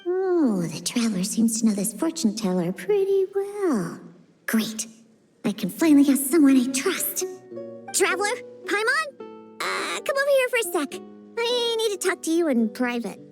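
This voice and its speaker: A grumpy little girl for a video game. The voice is very high and swings animatedly, pouty and suspicious, with music faintly behind it. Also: normal speed, full character voice. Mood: eager, defensive. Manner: pouty, complaining, expressive. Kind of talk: video game character dialogue.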